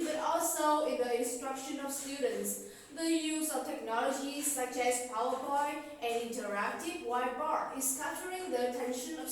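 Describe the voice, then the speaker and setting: A woman English teacher whose first language is Vietnamese, reading a lesson text aloud with steady, careful delivery. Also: sits high, a little hiss or hum. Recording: echoey room, voice far from the mic.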